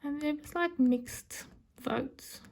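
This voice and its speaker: This crafting vlogger is a native Afrikaans speaker from South Africa with a South African accent. Her high-pitched voice is gravelly, a little mellow and slow, and as she works on a craft and chats casually, she often falls to a whisper to count.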